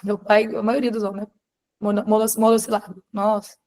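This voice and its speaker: A woman from Brazil, teaching a live class through animated, confiding personal storytelling and calling students by name. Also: mid-range voice, fast. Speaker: course instructor.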